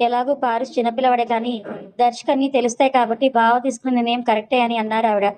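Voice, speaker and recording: A woman's voice: on the high side, flat delivery, very fast, darkish tone, lightly acted, poor audio. A woman voicing an agreeable middle-aged mother with a sly streak in a spoken story.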